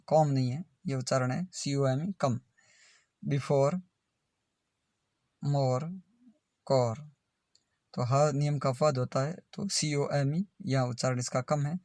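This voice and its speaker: A man's voice: mid-range voice, darkish tone, no echo, studio quality. A man teaching English pronunciation in a video lesson, spelling words out letter by letter and repeating them.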